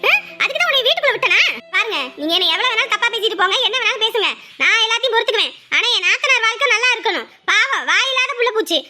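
High, bright woman scolding in a family drama. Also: animated, very fast, hardly any pauses. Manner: scolding, emotional, shifts between roles. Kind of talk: dubbed family drama acting.

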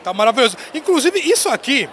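A man in his thirties, an excited and playful interviewer, hyping his guest with a handheld mic in a busy indoor expo hall. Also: extremely high pitch, fast, slight background noise. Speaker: interviewer at a trade fair. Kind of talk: casual on-location interview. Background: crowd chatter of the fair.

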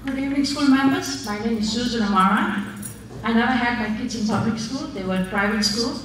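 A woman's voice: on the high side, fairly quick, a bit bright, a little hiss or hum. An older woman from Malaysia giving a heartfelt public comment at a school board meeting, pleading and repeating herself. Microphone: far room recording of a podium mic. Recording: echoey hall from far off.

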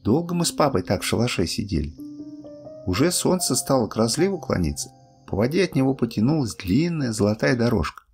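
An older man narrating a bedtime story in a lively, expressive way. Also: medium pitch, a little fast, faint music behind.

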